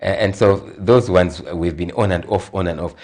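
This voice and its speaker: A man's voice: deep voice, moderate pace. A middle-aged man with a Zambian accent, a guest in a TV interview, speaking earnestly and growing emphatic. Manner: earnest, grows emphatic and animated. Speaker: guest consultant.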